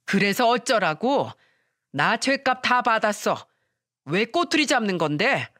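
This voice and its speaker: A woman's voice: fairly high pitch, animated, a little slow, a bit bright, no echo, studio quality. A woman voicing a shameless, scornful middle-aged mother-in-law in a storytelling radio reading. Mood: defiant. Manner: scornful, defiant.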